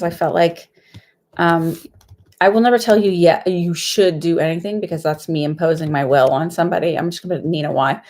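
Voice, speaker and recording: Lady w a lisp n whistly s, bit of a cold, lowish voice, kinda quiet rambly psychic livestream chat. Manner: hesitant, rambling, conversational; speaking somewhat quietly. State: slight head cold. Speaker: psychic medium host giving live readings. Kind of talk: casual livestream psychic reading.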